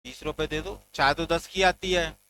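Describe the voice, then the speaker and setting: Bright playful man teaching memory tricks. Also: a little high, fairly even intonation, normal speed, a little hiss or hum, rough recording. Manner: playful storytelling with mnemonic jokes, acted dialogue. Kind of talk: memory-trick general knowledge lesson.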